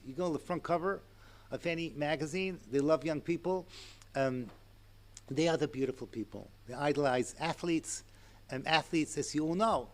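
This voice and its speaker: Man in his sixties, Torah lecture, animated asides, fairly high-pitched. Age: 60s. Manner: animated, chatty, with asides and chuckles. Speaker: rabbi and lecturer.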